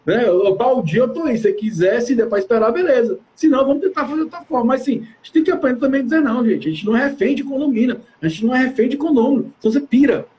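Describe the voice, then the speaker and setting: A man's voice: extremely high pitch, expressive, rapid-fire, hardly any pauses, darkish tone. A man from Brazil, a building manager, chatting animatedly and casually on a live stream, slangy and talking straight to his audience.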